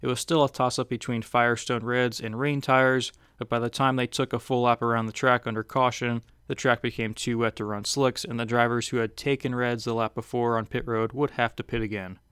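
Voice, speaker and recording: A man's voice: mid-range voice, flat delivery, fairly quick, few pauses, fairly bright tone, clean tone, no echo, clean studio sound. Man giving a casual race recap. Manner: conversational, with frequent "uh" fillers. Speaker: racing recap host.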